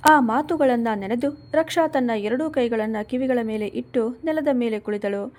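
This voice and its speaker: Woman storyteller, higher voice with a mellow, dark tone, steady scripted reading.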